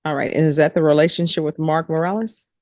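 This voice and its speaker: Her voice sits low, slightly mellow and steady, and she is a fast talker. The woman is the judge presiding over a court hearing, questioning people formally and procedurally and spelling out names, captured in clean studio sound with no echo.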